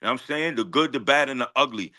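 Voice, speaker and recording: A guest rapper talks casually in an interview, his medium-pitched voice rapid-fire, bright, and forceful. He uses heavy slang, sounds confident and emphatic, and keeps repeating his phrases.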